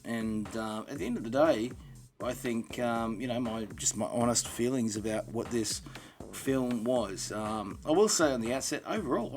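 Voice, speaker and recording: Australian man hosting a casual podcast. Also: medium pitch. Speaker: podcast host. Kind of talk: casual solo podcast monologue.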